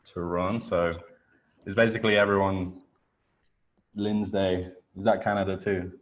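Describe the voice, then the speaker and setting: A man's voice: low voice, level tone, a little slow, background noise. A man with a British accent leading an online workshop as a breathwork coach, talking casually and informally and checking in with his listeners. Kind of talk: casual explanatory talk on a group video call. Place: online group video call.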